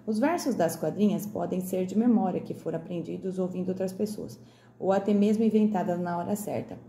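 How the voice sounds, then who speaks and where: A woman teaching young children remotely, with a Brazilian Portuguese accent, slowly sounding out each word. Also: fairly low pitch, creaky, dark tone, echoey room, slight background noise. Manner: slow, over-articulated sounding out of words for children. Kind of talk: remote classroom lesson.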